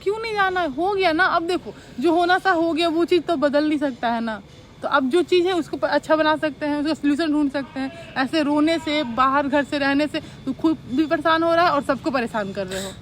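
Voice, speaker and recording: High-voiced woman coaxing firmly. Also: brisk. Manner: coaxing, scolding, repeating herself. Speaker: older sister. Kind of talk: scripted family skit.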